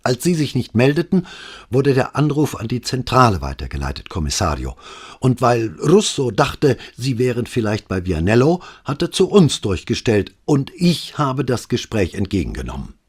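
A man's voice: mid-range voice, very animated, normal speed, husky, voice pushed up. A man voicing a flustered, out-of-breath police sergeant who stammers out an urgent report. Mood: agitated.

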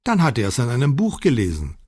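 A man's voice: mid-range voice, wildly swooping pitch, quick pace, darkish tone, no echo, studio quality, voice pushed up. A man voicing a pushy, sulky teenage daughter who whines and insists. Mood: whiny. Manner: whiny, insistent.

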